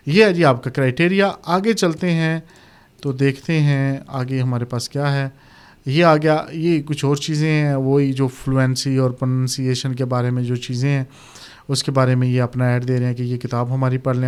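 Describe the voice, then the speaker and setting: A man with a Pakistani accent explaining exam criteria in a relaxed, conversational video lesson, mixing in English terms. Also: a little high, smooth. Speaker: exam tutor.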